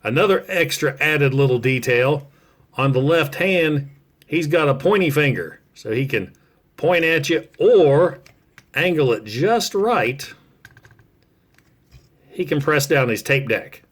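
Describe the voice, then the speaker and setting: A man's voice: fairly high pitch, animated, takes it slowly, pauses often, a bit bright. An American man hosting a toy review video, talking casually and enthusiastically like a fan. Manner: enthusiastic, informal fan talk. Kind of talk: casual product review to camera.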